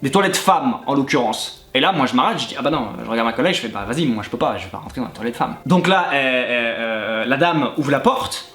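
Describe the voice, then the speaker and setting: A man, a YouTuber and former gym coach, telling crude comic anecdotes straight to the listener, animated and often breaking into laughter. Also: mid-range voice, fast talker, few pauses. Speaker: YouTuber recounting his time as a gym coach. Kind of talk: comedic anecdote storytelling to the viewer. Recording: echoey room with faint background music.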